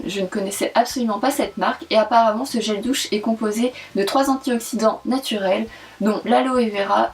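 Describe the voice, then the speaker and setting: A woman's voice: mid-range voice, recorded from a distance. A young woman chatting candidly through a beauty box review in a casual vlog. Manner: chatty and candid, frequent "franchement" and "super".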